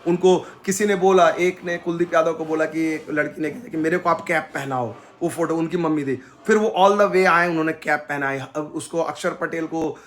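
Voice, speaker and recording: A man with a high, bright voice tells story after story as a fan reporter. He mixes Hindi and English and acts out what others said to him. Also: normal speed, few pauses. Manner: animated storyteller, mixing Hindi and English, acting out quotes. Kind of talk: casual interview anecdotes.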